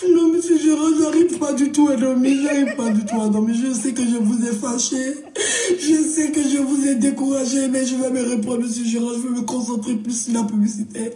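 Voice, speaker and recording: A woman's voice: high-pitched, steady tone, brisk, roomy sound, recorded from a distance, a crowd in the background, close to an everyday voice. A woman playing a weeping, begging singer. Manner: tearful begging, repeats "monsieur Gérard".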